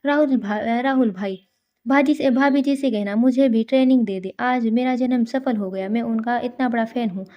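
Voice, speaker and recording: A woman's voice: a little high, moderate pace, dull audio, close to an everyday voice. A woman reading an eager young man, gushing. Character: playful eager young man, fanboyish friend.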